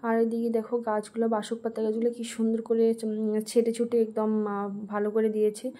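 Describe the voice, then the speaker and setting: A woman's voice: a little high, completely flat delivery, moderate pace, mellow. A young woman vlogger narrating casually to her viewers while walking outdoors, chatty and meandering with plenty of fillers. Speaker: vlogger, mother. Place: outdoors in a residential park.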